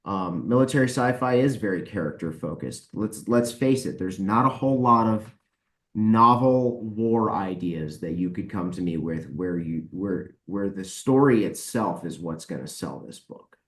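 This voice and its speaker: Speaking at a moderate pace in a low voice, a man who works as a book publisher gives blunt, explanatory answers as a guest in a casual podcast interview. The recording has an echoey room sound.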